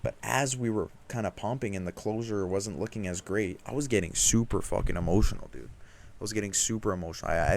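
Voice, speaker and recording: Deep-voiced frustrated young man venting. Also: gravelly. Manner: frustrated, emphatic, self-critical, casual slang. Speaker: trading vlogger. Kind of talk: candid self-reflective vlog rant.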